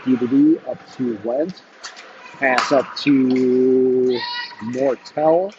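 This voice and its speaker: A man doing live hockey play-by-play commentary in quick, clipped calls that jump up on shots. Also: medium pitch. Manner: rapid clipped calls, bursts of excitement on shots. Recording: dull lo-fi stream audio with noise.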